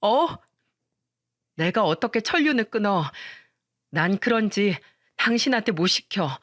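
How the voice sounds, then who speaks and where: A woman's voice: medium pitch, animated, unhurried, fairly bright tone, no room sound, studio quality. Woman reading a pleading young husband. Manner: urgent, pleading. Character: pleading young husband caught between wife and mother.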